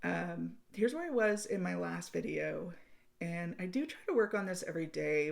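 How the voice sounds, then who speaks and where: Gravelly low-voiced woman vlogger. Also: a little mellow. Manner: chatty and friendly, with frequent ums. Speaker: cross-stitch channel host. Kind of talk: casual vlog progress update.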